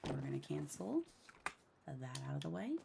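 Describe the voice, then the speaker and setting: Low, slow, gravelly woman counting clicks. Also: very animated, background noise. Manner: counts steps aloud under her breath. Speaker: game building tutorial host. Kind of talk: casual step-by-step voice-over. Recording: loud mouse and keyboard clicks.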